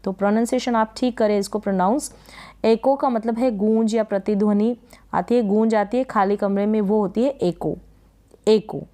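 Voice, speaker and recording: A woman giving a spelling and pronunciation lesson in a smooth, clear voice at a middle pitch. She speaks patiently, repeating each word and posing questions to the learner before answering them herself. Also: steady tone, moderate pace, mellow. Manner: patient, repeats words and asks rhetorical questions. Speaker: English teacher.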